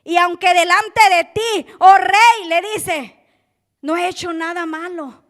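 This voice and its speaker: High-voiced woman preaching slowly. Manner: impassioned, addresses listeners as brother, swings from loud to hushed. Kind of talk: sermon.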